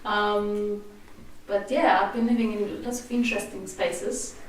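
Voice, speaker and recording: A Polish woman in her thirties speaks in an interview. She talks in a relaxed way and breaks into soft laughs now and then. Her voice comes from across a very echoey room with faint noise behind it. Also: medium pitch, measured pace, distant mic. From Poland. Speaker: cooperative secretary. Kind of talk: interview, casual talk.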